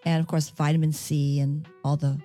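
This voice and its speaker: A woman's voice: deep voice, level tone, normal speed, mellow, soft background music. An American woman chatting in a casual group discussion in a tentative, hedging way.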